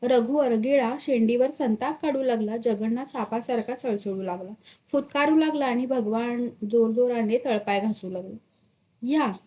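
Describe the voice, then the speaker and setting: A woman reading a literary short story aloud, expressive and dramatic in her storytelling. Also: fairly high pitch, normal speed. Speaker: story reader.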